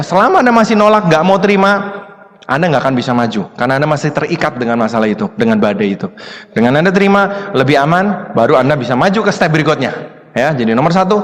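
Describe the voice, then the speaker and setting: A man giving a live seminar talk as a motivational speaker, plain-spoken and conversational, acting out little exchanges with a joking touch. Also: fairly high pitch. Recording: long hall reverb from a live talk.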